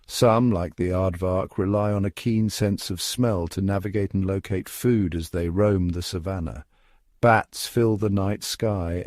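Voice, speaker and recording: A man narrates a scripted nature documentary in a measured, solemn storytelling manner. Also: fairly low pitch, darkish tone, no room sound, clean studio sound.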